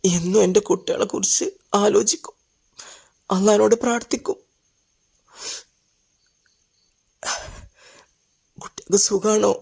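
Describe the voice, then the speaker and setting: A woman's voice: mid-range voice, steady tone, a little fast, vocal fry, a little mellow, husky. A woman playing a sorrowful tender old mother. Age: older. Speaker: elderly mother and grandmother. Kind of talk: Malayalam family drama acting.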